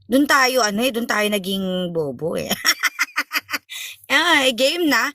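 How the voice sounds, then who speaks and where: A woman's voice: on the high side, expressive, slow pace, pushed and bright, no echo, studio quality. A young woman hosting a live stream, chatting playfully and teasing viewers, mixing in English phrases. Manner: playful, teasing, switches between Tagalog and English.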